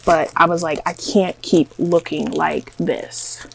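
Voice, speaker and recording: Dyeing her hair at home, a Southern US beauty vlogger rambles to her camera, nervous and poking fun at herself, with "like" cropping up constantly. She speaks slowly in a low, gravelly, level voice. The recording is rough and carries a slight hiss or hum.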